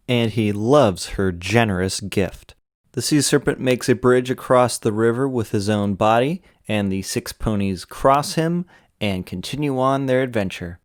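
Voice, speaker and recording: A man hosts a retrospective with scripted narration and commentary. His voice is on the low side and smooth, with clean delivery. The recording is close and dry, with no room sound. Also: no echo. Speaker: host of a cartoon episode retrospective.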